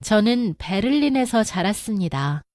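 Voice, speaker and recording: A woman narrator reading short translated lines in an even, scripted manner. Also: medium pitch, rapid-fire, no echo, studio quality.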